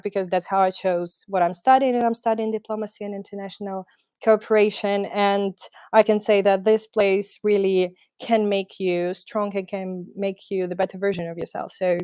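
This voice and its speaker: Smooth, mellow young woman from Ukraine. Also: medium pitch, dry recording, studio quality. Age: 20s. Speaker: diplomacy student, panelist. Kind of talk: online panel introduction.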